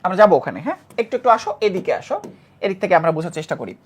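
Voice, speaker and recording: A woman's voice: on the low side, sing-song, rapid-fire, breathy edge. A woman teaching a chemistry lesson who repeats key terms and keeps checking that students follow. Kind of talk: classroom lecture.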